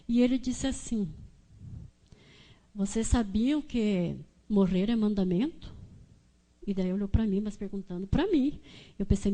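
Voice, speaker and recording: A woman's voice: on the high side, warm tone. A woman with a Brazilian Portuguese accent giving a conversational testimony in church, with many fillers and restarts. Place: church hall.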